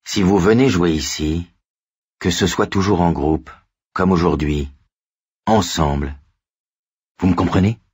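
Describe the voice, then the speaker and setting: Guy reading a gruff old cop, low husky voice, kind underneath. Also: unhurried, pauses often, darkish tone, dry recording, studio quality. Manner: gruff, fatherly.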